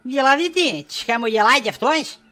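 A woman's voice: high voice, animated, bright, forceful tone. A woman playing a nosy middle-aged wife in a comedy sketch, pushy and prying for gossip.

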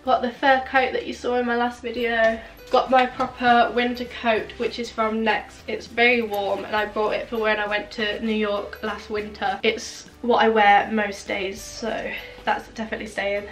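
A young woman talks through her wardrobe in a chatty, thinking-aloud way, her voice sitting a little on the high side. Now and then she stops to search for the right word. Soft music plays faintly underneath. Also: level tone, normal speed. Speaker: fashion vlogger. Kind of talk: casual wardrobe tour.

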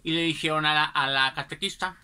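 A woman's voice: low-pitched, a little fast, sharp tone, smooth. A woman, telling a childhood anecdote in a chatty, rambling way and often checking in with her listeners. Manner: chatty, rambling, keeps asking ¿verdad?. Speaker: storyteller.

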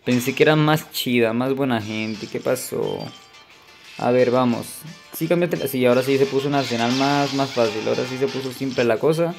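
A man with a Mexican accent, commentating his mobile gameplay in a chatty, excitable way and calling out to his viewers. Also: medium pitch, normal speed, creaky, faint music behind. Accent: Mexican Spanish. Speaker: gaming channel host.

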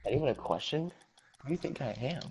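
A man's voice: fairly high pitch, animated, fast, creaky, a loud crowd. A man chatting on a gaming stream, tossing in joking, playful remarks. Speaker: friend on stream. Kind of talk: casual gaming chat.

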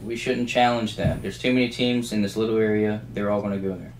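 A man chatting casually while playing a squad shooter game, calmly giving tactical directions to teammates. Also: fairly low pitch, fairly quick, roomy sound, a little hiss or hum, poor audio. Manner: calm, gives tactical directions. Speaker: squad gamer. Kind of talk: casual gameplay chat.

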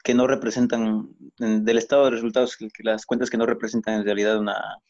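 A man's voice: on the low side, level tone, a little fast, a little mellow. A man answering a teacher's questions as a student, hesitant and searching for his words. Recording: dull lo-fi line.

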